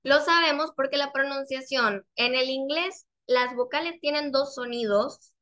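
A young woman teaching an online class over a video call. She patiently repeats her questions and draws out the example words slowly. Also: sits high, sharp tone. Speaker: English teacher.

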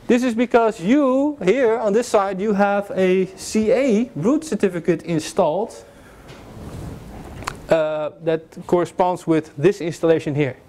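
Speaking at a measured pace in a warm, high-sitting voice, a young adult man lectures a class informally on security, using slides and cracking jokes amid fillers and restarts. The far camera recording from the classroom with a projector screen has a little hiss or hum.

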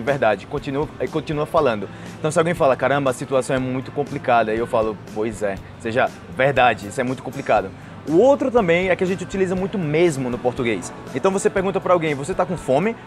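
Faint music plays behind a young adult man with a Brazilian accent as he teaches a conversational language lesson to camera, using acted example phrases. He's outdoors on a patio by trees and a street, recorded on a lapel mic, and his fairly high voice moves fast with lively intonation.

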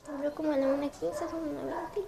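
A woman's voice: sits high, steady tone, a little fast, creaky. A young woman with a Mexican Spanish accent, shaken and trembling, retelling what just happened to her camera in a breathless, repetitive way. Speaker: vlogger. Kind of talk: shaken casual vlog to camera. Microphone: handheld camera mic. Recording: noisy home recording.

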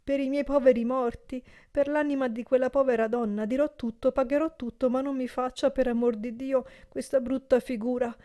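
A woman's voice: fairly high pitch, normal speed, mellow, voice pushed up, close to an everyday voice. A woman voicing a frightened old male porter who pleads and begs for mercy in an audiobook. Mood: pleading. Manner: pleading, sobbing, breathless entreaties.

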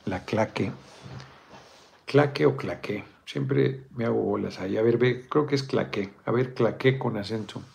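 A middle-aged politician with a Mexican accent hosts a casual video chat of political commentary in a gravelly, lowish, slightly mellow voice. He talks at normal speed with few pauses, bluntly and with free swearing, wandering off on digressions and correcting himself before returning to his point.

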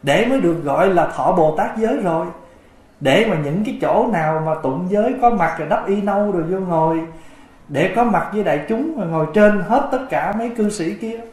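A Buddhist monk giving a gentle dharma talk, now and then chanting verse passages from scripture. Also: male voice, sits high, lively intonation, a little fast. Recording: echoey room.

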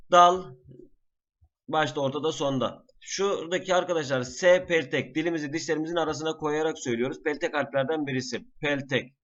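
Man teaching slowly, slightly muffled. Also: medium pitch, fairly bright tone. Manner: patient, repeats letter names slowly. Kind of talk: screen-recorded lesson. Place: at a computer.

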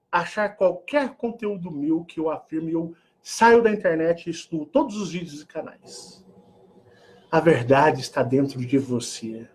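A middle-aged Brazilian man with a Brazilian Portuguese accent, hosting a spiritual channel in a casual, joking monologue that swings between mock-posh and earnest. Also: on the high side.

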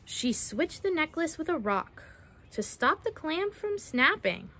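At a measured pace, a young adult woman reads aloud from a picture book for children on a backyard wooden deck outdoors. Her high, sharp voice swings broadly in pitch as she dramatizes the verses and questions her young listeners.

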